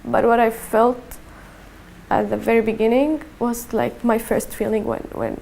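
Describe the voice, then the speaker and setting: A young woman of twenty-one with a Syrian accent tells her story in an interview, slow to find her words and often repeating them. Her voice sits slightly high but stays level, with a gravelly fry and a dark, mellow tone. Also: little pitch movement, slight background noise. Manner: halting, repeats words, measured and subdued. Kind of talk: personal testimony.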